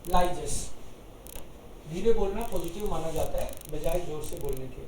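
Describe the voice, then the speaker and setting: A man teaching a German lesson, explaining each German sentence slowly in Hindi. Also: a little high, dark tone, far from the mic, a little hiss or hum. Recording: echoey room, voice from off-mic.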